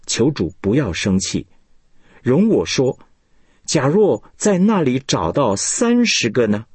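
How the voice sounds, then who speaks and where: A man's voice: medium pitch, big pitch swings, slow pace, darkish tone, slightly rough, dry recording, voice pushed up, exaggerated voice. A man reading scripture aloud, voicing an elderly man earnestly imploring his God. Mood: pleading.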